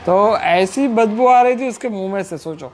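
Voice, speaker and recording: A man giving a storytelling sermon as a devotional speaker, retelling lively scenes with acted dialogue and frequent "haan" asides. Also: high-pitched, normal speed, faint music behind.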